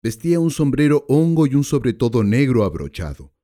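Male audiobook narrator, mellow, very expressive pitch, measured.

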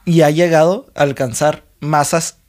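A young Mexican man co-hosts a podcast, his voice slightly high, steady, and a little mellow at a moderate pace. The casual chat is laid-back and jokey, packed with slang and frequent laughter.

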